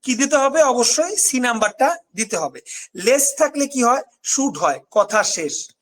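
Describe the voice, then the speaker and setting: A man's voice: very high voice, animated, measured pace, fairly bright tone. Bangladeshi man drilling English grammar. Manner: repetitive, drilling questions and answers. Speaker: English teacher. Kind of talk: live online class.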